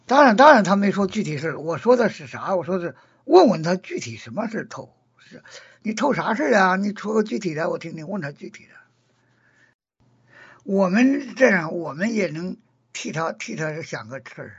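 Very animated and speaking at normal speed, a man with a high, gravelly, deeply husky voice talks earnestly through a casual discussion of Buddhism. He restates and rewords his points again and again. The audio comes across dull and lo-fi.

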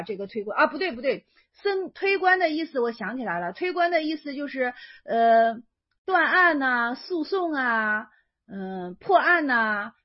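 A woman's voice: a little high, muffled recording. A woman explaining an old Chan koan in a casual lecture, thinking aloud and correcting herself as she goes. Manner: thinking aloud, self-correcting, many fillers.

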